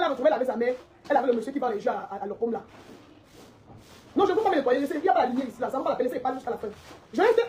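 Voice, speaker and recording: A woman's voice: sits high, darkish tone, slight background noise. A woman delivering a heated, confrontational social media rant, repeating her points and laughing mockingly.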